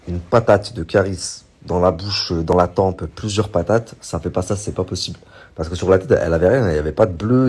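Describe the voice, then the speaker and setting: A man casually retelling a story to his viewers, rambling with many fillers and animated bursts when he quotes others. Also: deep voice, breathy edge. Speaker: online commentator recounting a story.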